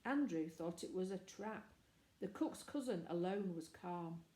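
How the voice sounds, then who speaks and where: A woman narrating a children's storybook calmly and evenly. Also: fairly low pitch, unhurried. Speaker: audiobook reader. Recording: echoey room.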